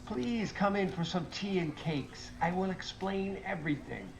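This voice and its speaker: A man's voice: high voice, animated, a little slow, vocal fry, background noise, pitched above the performer's own voice, exaggerated voice. Man doing Alexander, a polite kobold merchant. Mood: polite, pleading. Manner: courteous, formal. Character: polite well-dressed kobold merchant, male.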